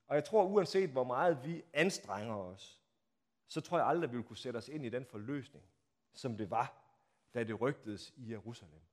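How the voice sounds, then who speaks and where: A man preaching a sermon, telling the story dramatically, acting out the crowd's shouts and asking the listeners rhetorical questions, swinging from hushed to loud. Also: medium pitch, expressive. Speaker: pastor. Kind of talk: Palm Sunday sermon.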